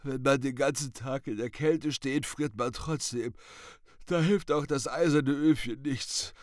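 A man's voice: medium pitch, measured pace, no room sound, studio quality, pitched above the performer's own voice, close to an everyday voice. A man reading aloud and voicing a small, wrinkled old chestnut seller with a stubborn cold, grumbling and hesitant. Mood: complaining. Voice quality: sniffly, sneezing.

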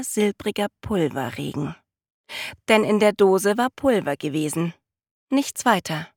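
A woman narrating a children's story aloud in a calm, lively storytelling manner. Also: mid-range voice, dry recording, studio quality.

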